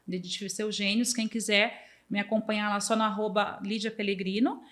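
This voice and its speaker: Lively woman music therapist. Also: mid-range voice, brisk. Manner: lively, sings and acts out snatches of children's songs. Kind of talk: casual interview chat.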